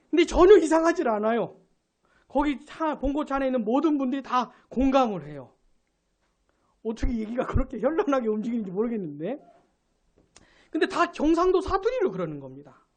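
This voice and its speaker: A male pastor giving a live Sunday sermon, asking his congregation questions and building to loud emphatic peaks. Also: extremely high pitch. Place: church sanctuary.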